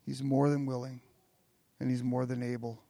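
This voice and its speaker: A man's voice: mid-range voice, flat delivery, normal speed, gravelly, dark tone, no room sound. A pastor preaching an earnest sermon, often repeating words as he builds toward a point.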